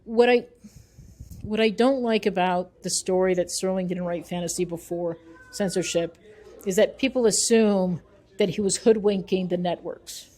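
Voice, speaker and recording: Her pitch is fairly low, her speed normal, her tone a little mellow. She's a middle-aged woman, an author and researcher, responding to an interviewer in an emphatic, opinionated, explanatory and conversational manner.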